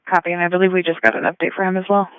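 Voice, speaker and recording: Role: police dispatcher. Sex: man. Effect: police radio. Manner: clipped radio codes. Pitch: high. Pace: fast. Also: flat delivery, clear, resonant tone, dry recording. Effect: police radio transmission. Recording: muffled dispatch radio audio.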